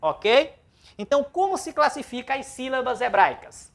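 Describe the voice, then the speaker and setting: Speaking at a moderate pace in a high, very animated voice, a woman with a Brazilian Portuguese accent leads a Biblical Hebrew class. She breaks words into syllables and repeats them aloud so the students can practice.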